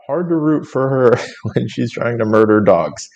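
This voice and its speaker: A man's voice: medium pitch, expressive, unhurried, muffled recording, a crowd in the background. A man co-hosting a film podcast in casual chat, rambling with lots of fillers and frequent laughter. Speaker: podcast co-host.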